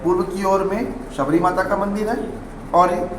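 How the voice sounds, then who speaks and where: A man's voice: high voice, fairly even intonation, measured pace. A man, a temple priest, patiently explaining the site's history in an interview. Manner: patient, explanatory, with soft acknowledgments. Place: temple grounds, roomy with reverb. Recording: echoey hall, faint background noise.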